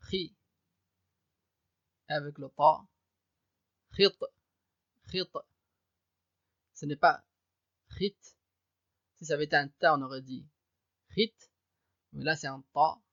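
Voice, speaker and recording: A man's voice: on the high side, pushed and bright, no room sound, highs cut off. A man teaching Arabic reading, patiently sounding out each syllable and repeating it. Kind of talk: step-by-step reading lesson. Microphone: USB desk microphone.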